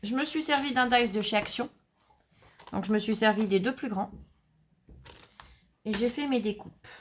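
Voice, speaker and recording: A woman's voice: a little high, moderate pace, slight background noise. A woman hosting a casual crafting tutorial, chatting to viewers with many fillers and asides while she works. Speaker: craft channel host.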